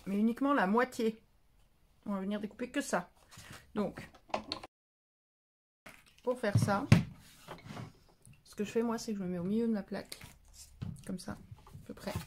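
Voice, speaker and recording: Her voice is slightly high, her pace a little slow with long pauses, and there's some background noise. She's making a casual papercraft tutorial, chattering and stumbling through corrections while alternately scolding and cooing at her cat between steps.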